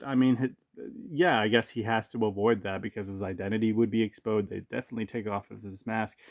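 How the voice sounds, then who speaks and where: A man's voice: medium pitch, a little mellow, dry recording. Chatty man with a dry close sound. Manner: chatty, thinking aloud with fillers. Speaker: comic reviewer. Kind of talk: casual spoken review. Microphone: camera mic.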